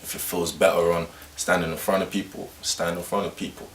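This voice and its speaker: Deep-voiced man, measured, echoey room. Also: flat delivery, a bit bright. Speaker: hip-hop group member. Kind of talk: documentary interview. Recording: echoey room, far mic, faint hiss.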